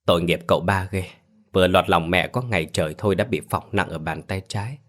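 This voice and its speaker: An old female servant passes on household news in a low, plain voice, voiced by a man. This storybook figure sounds close to the narrator's own tone. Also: fairly even intonation, fairly quick, a bit bright.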